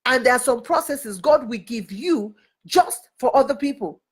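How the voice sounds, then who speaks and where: A woman's voice: sits high, animated, normal speed, breathy edge. A woman speaking as a mentor in an earnest, preacherly motivational talk, repeating her phrases for emphasis. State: crying and laughing at times. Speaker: mentor and network leader.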